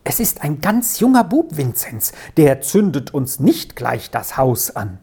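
A kind, chatty farm wife, as a woman reader voices her in a storybook, low-pitched and mellow, with an unhurried pace. She talks on warmly. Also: big pitch swings, slightly rough, exaggerated voice. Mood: kindly. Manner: warm-hearted, chatty.

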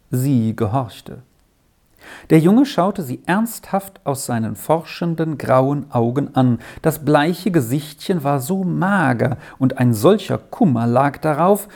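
A storyteller reading a children's story aloud in a slow, expressive way. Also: mid-range voice, vocal fry.

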